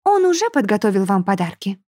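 A woman's voice: mid-range voice, very animated, a little fast, darkish tone, no room sound, studio quality. A woman voicing a scheming young stepmother who speaks in a syrupy, haughty way. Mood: fussing. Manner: syrupy, mock-sweet, haughty.

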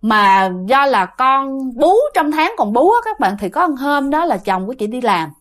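A woman's voice: sits high, very animated, moderate pace, a bit bright. A woman narrating a ghost story in a chatty way, speaking straight to her listeners. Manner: chatty, talks to listeners directly.

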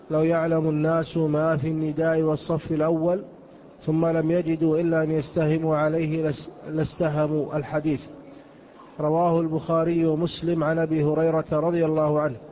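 A man reading a religious text aloud in a lesson, in a steady, formal way. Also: on the high side, fairly quick, a little hiss or hum. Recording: muffled lo-fi lecture recording.

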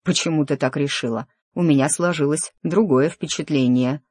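A reader voicing a tense, stubborn young nobleman in an audiobook, speaking slowly and with restraint. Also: medium pitch, steady tone, darkish tone, no room sound, studio quality, natural voice. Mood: insistent. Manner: restrained, clipped, slow. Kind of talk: audiobook character dialogue.

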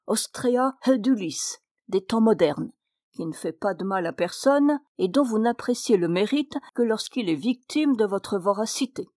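A tiny hunchbacked old gnome geologist, as a woman reader puts him on, pedantic and quick to anger, rattling off fossil names in a storybook reading. His voice sits a little higher than the narrator's own, recorded dry and close. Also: a little mellow, no echo. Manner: fussy, pedantic listing of Latin names.

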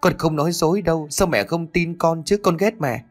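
Man playing a scared little boy, high pleading voice, tearful, lively pitch. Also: moderate pace, faint music behind. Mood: upset.

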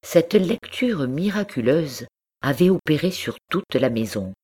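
A woman reading a classic story aloud as an audiobook narrator, in a measured, descriptive way. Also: sits low, big pitch swings, a little mellow, husky. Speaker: audiobook reader. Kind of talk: scripted narration.

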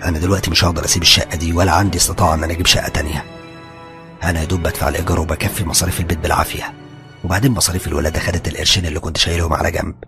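A man's voice: sits low, level tone, rapid-fire, sharp tone, faint music behind, pitched below the performer's own voice. A man voicing a hard-pressed, stubborn young husband with an Egyptian accent, blunt and complaining. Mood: weary. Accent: Egyptian Arabic.

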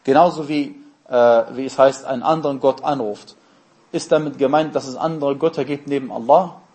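A man's voice: medium pitch, a little mellow. A man giving a religious lesson, explaining terms step by step and answering his own questions. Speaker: Islamic teacher.

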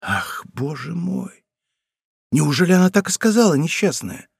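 A man's voice: on the high side, big pitch swings, a little slow, vocal fry, breathy edge, no echo, voice pushed up, exaggerated voice. A man doing a sly scheming young courtier. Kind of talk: audiobook character voice.

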